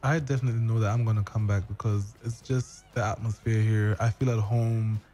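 A man's voice: lowish voice, fairly even intonation, brisk, dark tone, faint music behind. A young man from Germany speaks on a studio mic in a small radio room. He talks earnestly and at length, his sentences stitched together with casual fillers. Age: young adult. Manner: earnest, talks in long runs with many "like"s. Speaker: guest blogger. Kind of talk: casual podcast conversation. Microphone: studio mic with headphones.

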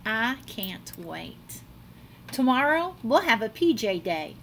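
A middle-aged woman with a slightly high, creaky voice performs a children's picture book as a teacher might, dramatic and expressive, elongating her words. She's in a small indoor classroom, and there's a bit of background noise.

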